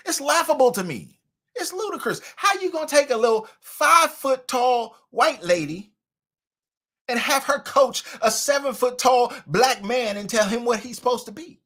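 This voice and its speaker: A man delivers livestream commentary, mocking and preachy in tone. His voice is bright and forceful, and it swings from quiet asides to loud outbursts. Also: very high voice, animated, moderate pace. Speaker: commentary host.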